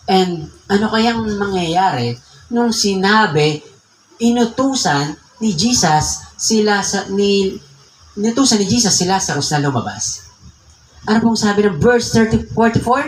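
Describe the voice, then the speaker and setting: Preacher from the Philippines, mid pitch, leans hard on key words and drags out verse readings; echoey church room with faint noise behind. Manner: emphatic, slows down to read scripture verses aloud. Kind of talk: sermon.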